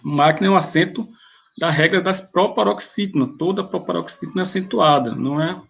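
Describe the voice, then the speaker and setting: A man teaches rules through exam questions, working methodically and restarting phrases as he goes. His voice sits high and has a gravelly, husky edge. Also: a little fast, fairly bright tone. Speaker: grammar teacher.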